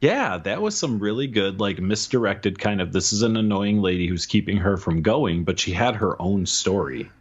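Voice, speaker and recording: Male podcast co-host, deep voice, loose conversational delivery, slightly muffled recording. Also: normal speed, few pauses, husky. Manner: relaxed, rambling, chuckles often. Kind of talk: casual book review chat.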